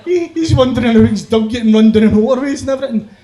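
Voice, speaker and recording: A middle-aged Glaswegian comedian with a notably high voice for a man, telling a story on stage. He is rowdy and sweary, laughing through his own telling. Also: very fast, dark tone, some chatter behind. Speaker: stand-up comedian. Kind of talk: stand-up storytelling.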